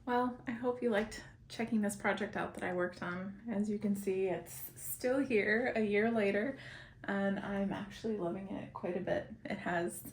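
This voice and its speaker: Relaxed 30s woman chatting to camera at home, pretty echoey room. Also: mid-range voice, normal speed. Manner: relaxed, chatty, laughs easily. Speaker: DIY vlogger. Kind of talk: casual talk to camera. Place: indoors, room in her house. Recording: echoey room with faint noise.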